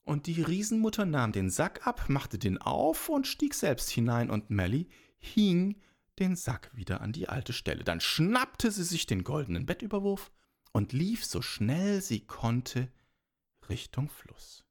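A male storyteller telling a fairy tale aloud. He takes his time, letting his voice climb and drop widely to build tension and humour. The telling is unhurried and vivid. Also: a little high. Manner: lively, expressive telling.

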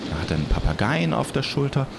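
A man's voice: medium pitch, fast, gravelly, background noise. A man telling a children's story as a pirate captain in first person, theatrical, dropping to whispers and rising to calls. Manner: animated, theatrical, swinging between whispers and calls.

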